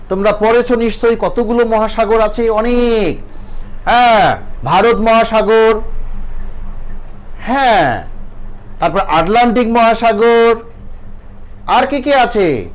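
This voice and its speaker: Man, Bangladeshi accent, teacher, classroom lesson, asks and answers his own questions, high voice. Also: slow pace, long pauses. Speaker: English teacher.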